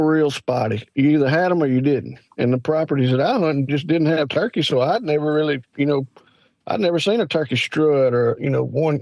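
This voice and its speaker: Speaking in a Southern US accent, the guest Hunter, a Mississippi man in his forties, wanders through folksy anecdotes with plenty of fillers during an informal interview. His gravelly voice is a little high with a darkish tone, captured on a dry recording.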